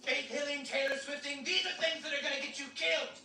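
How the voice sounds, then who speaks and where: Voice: high voice, fairly even intonation, fairly quick, background noise. A performer playing a stern, furious lecturer who menacingly preaches at children in a mock public-safety skit. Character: stern, furious lecturer warning children about internet memes. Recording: echoey, distant playback with music.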